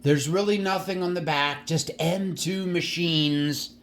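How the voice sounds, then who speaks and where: A collector shows off his diecast model cars in a casual vlog, speaking enthusiastically in a fairly high, steady voice. He is halting, often repeating words and restarting, with an occasional stutter, and there is slight background noise.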